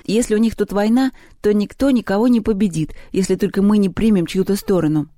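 A reader voicing a clever bookish boy who explains things in a measured way. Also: mid-range voice, fairly even intonation, warm tone, no room sound, studio quality, pitched above the performer's own voice, close to an everyday voice. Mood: reasoning.

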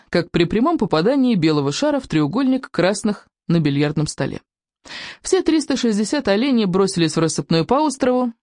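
Lively, expressive audiobook storyteller. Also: medium pitch, dry recording, clean studio sound. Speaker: audiobook reader. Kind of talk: scripted audiobook narration.

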